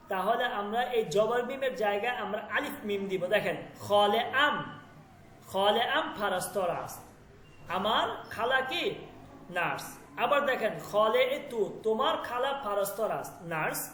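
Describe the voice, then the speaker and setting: A man with a very high, fairly bright voice and a Bangladeshi Bengali accent runs an online language lesson in a room with noticeable echo. He explains each step in turn and frequently checks whether his students have understood.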